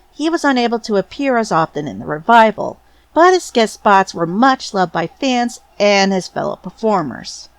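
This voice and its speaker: Lively woman narrating fan commentary. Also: mid-range voice, no room sound. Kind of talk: scripted narration.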